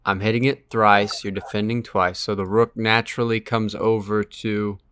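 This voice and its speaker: A man's voice: lowish voice, little pitch movement, moderate pace, a bit bright, smooth, dry recording. A man hosting a friendly chess sparring session, methodically calling out moves and laughing easily with his friend. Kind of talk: casual chess analysis chat.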